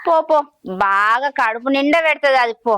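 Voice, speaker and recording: A woman's voice: high voice, brisk, bright, forceful tone, clear, resonant tone, no room sound. A woman, playing a sarcastic village wife who taunts her husband. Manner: sarcastic, needling. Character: mocking village wife, the other of two.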